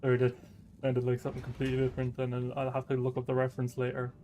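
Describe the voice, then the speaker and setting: A man's voice: mid-range voice, monotone, very fast, warm tone, a little hiss or hum. A man doing casual let's-play commentary, rambling as he narrates what he does. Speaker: gaming commentator.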